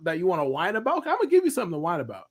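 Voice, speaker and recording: A man's voice: high-pitched, huge pitch swings, rapid-fire. A man co-hosting a sports podcast, joking and boasting as he tells stories. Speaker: podcast co-host. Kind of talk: casual sports chat.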